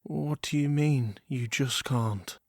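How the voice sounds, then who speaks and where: A man's voice: mid-range voice, slow, a little mellow, dry recording, studio quality. A man playing a wealthy, self-controlled yandere lover, jealous yet restrained, speaking formally in a dramatic audio role-play. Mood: bitter hurt. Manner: yandere, composed, formal, wounded devotion.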